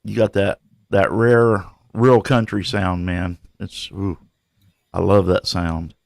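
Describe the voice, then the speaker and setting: A man's voice: deep voice, fairly even intonation, slow, creaky, dry recording. A man hosting a live stream in casual chat, laid-back, calling everyone bro, a bit short of breath.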